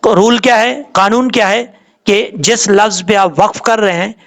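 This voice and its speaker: A man teaching a tajweed lesson in Urdu with a Pakistani accent, spelling words out sound by sound and chanting the verses in long drawn-out notes. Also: sits high, fairly bright tone. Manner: slow letter-by-letter drilling, drawn-out chanted recitation.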